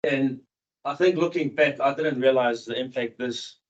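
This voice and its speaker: This medium-pitched male seminar speaker grew up in South Africa before moving to New Zealand in his early teens; he once played cricket professionally and now coaches it. His personal talk to the audience is frank, casual, halting and repetitive, captured in a muffled, dull recording.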